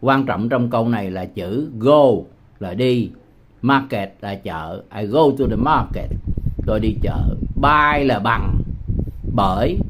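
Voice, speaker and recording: A man from Vietnam teaching English words in a patient tutorial, repeating each word slowly with hesitation sounds. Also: medium pitch, animated, slight background noise. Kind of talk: slow, patient screen-demo tutorial.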